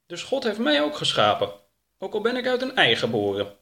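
A man's voice: high-pitched, huge pitch swings, brisk, creaky, sharp tone, pitched above the performer's own voice, heavily acted. A man voicing a touchy, sulky talking duck in a storybook reading, sarcastic and indignant. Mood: curious.

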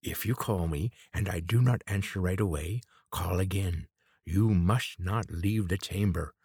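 Male reader voicing a desperate, menacing old man with a quavering voice; low and husky, audiobook. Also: unhurried, a little mellow, dry recording, clean studio sound, full character voice. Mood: threatening. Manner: snapping, threatening.

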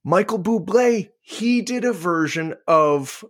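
A man's voice: sits high, expressive, slow pace. A man co-hosting a casual chat, rambling with lots of fillers and restarts. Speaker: podcast co-host.

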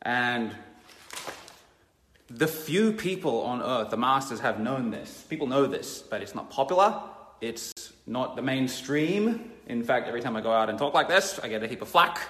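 A man's voice: medium pitch, expressive, normal speed, fairly bright tone. Blunt emphatic man. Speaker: self-help teacher. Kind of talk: lecture with sales pitch. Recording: long hall reverb.

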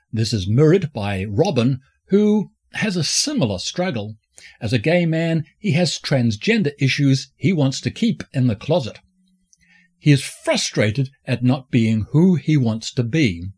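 Man, campy flamboyant drag-queen delivery, husky voice, animated swooping pitch, scripted podcast narration. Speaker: film review podcast host. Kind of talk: scripted film review narration.

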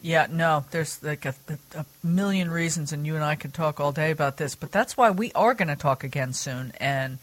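A woman's voice: normal speed, few pauses. A woman hosting a radio show, chatting casually with guests and laughing easily. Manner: chatty, laughs easily, lively pitch swings. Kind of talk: casual radio interview chat.

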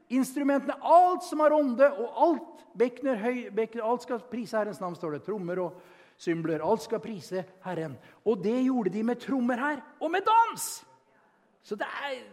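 A man with a high voice preaches a sermon, swinging between loud excited outbursts and quiet, chatty asides. His voice rings with long reverb from a church hall.

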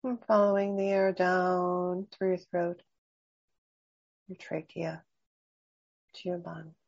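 A woman guiding a slow breathing meditation, speaking softly and soothingly with long pauses. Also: on the low side, little pitch movement, muffled recording. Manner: slow, soft, soothing and unhurried. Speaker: meditation guide.

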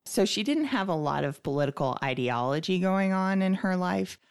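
A woman co-hosting a podcast, telling a family story in a wry, unhurried way. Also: fairly low pitch, expressive, smooth. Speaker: podcast co-host. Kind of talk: casual storytelling chat.

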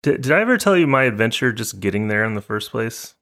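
A man's voice: mid-range voice, big pitch swings, quick pace, bright, forceful tone. A man co-hosting a podcast, chatting casually and telling a travel story, acting out the other people in it. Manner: storytelling, acts out voices of others. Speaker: podcast co-host. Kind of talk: casual chat.

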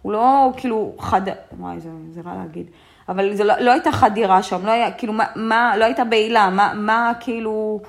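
Young woman, medium pitch, first-person testimony, soft-spoken, halting, lots of fillers and restarts. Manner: soft and subdued, often trailing off. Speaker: guest sharing a personal story.

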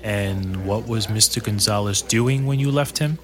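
A man's voice: lowish voice, moderate pace, crowd noise, natural voice. A man voicing a blunt, sardonic police detective in an audio drama, questioning witnesses in a dry way. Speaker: detective character.

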